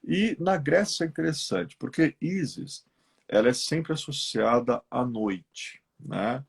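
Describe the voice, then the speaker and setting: In a live chat, a Brazilian Portuguese-accented man lectures on esoteric lore, narrating ancient myths with lively quoted voices and frequent tag questions to his audience. His voice is medium in pitch, slow, gravelly, and slightly rough.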